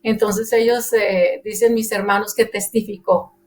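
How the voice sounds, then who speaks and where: A woman from Monterrey with a northern Mexican Spanish accent gives an earnest personal faith testimony in a church radio interview, full of fillers and restarts. Her mid-range voice is flat, unhurried, and darkish in tone.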